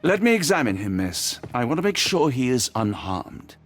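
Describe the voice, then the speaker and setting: A man's voice: medium pitch, big pitch swings, normal speed. A man playing an earnest, decent doctor, a detective's loyal companion, in courteous, formal video game dialogue. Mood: kindly, reassuring. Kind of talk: dramatic mystery game dialogue.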